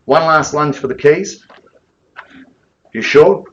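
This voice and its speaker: Coaxing male auctioneer, higher-pitched voice. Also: slow, lo-fi sound, slight background noise. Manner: repeats bid figures, coaxing bidders. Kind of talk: live property auction calling.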